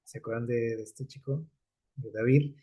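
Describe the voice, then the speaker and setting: A man's voice: mid-range voice, fairly even intonation, moderate pace, warm tone, breathy edge. A man preaching a sermon in a conversational way, often checking in with "¿sí?" and "¿no?", with hesitant fillers and repeated words. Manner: conversational preaching with frequent rhetorical "¿sí?" and "¿no?".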